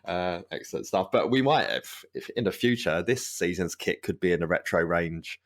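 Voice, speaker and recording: A man's voice: low-pitched, expressive, normal speed. A man co-hosting a football fan podcast in casual chat, rambling through asides and laughing often. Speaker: podcast co-host.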